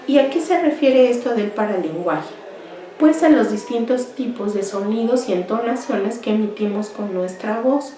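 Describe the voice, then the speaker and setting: A woman's voice: a little high, lively intonation, dark tone, slight background noise. A woman giving a university lecture, explaining step by step and often tagging her points with rhetorical questions. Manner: slow, explanatory, asks rhetorical "¿verdad?" often; clears throat now and then. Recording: echoey room, voice far from mic.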